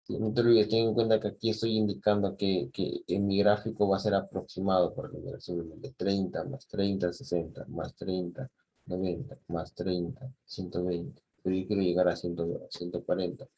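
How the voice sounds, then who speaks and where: This math teacher has a deep, husky, warm voice with a level tone and normal speed, heard through poor audio. He works patiently through a clock-angle problem, restarting phrases and frequently asking "¿sí?" or "¿de acuerdo?" to make sure students keep up.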